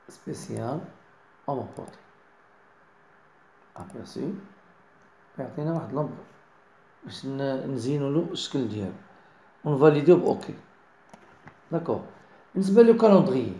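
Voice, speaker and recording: A man with a Moroccan accent giving a software design tutorial, mixing in French words and often checking that viewers follow. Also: mid-range voice, lively intonation, fairly quick, vocal fry, pauses often, roomy sound, slight background noise. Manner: mixes French into explanations, keeps checking understanding. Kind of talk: screen-recorded software tutorial.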